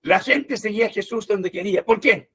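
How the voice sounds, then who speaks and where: A man preaching a sermon in an animated way, often calling his listeners brothers. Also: high-pitched, moderate pace, slightly rough.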